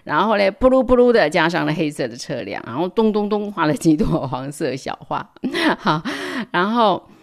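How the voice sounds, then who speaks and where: A woman reading a picture book aloud to children, animated, with playful sound words and hushed asides. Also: on the low side, normal speed, creaky. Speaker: storyteller. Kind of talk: storybook read-aloud for children.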